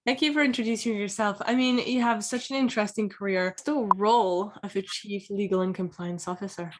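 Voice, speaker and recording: A woman's voice: medium pitch, fairly even intonation, a little fast, a little hiss or hum. A woman hosting a career interview show, opening with upbeat, welcoming, script-like introductions and questions.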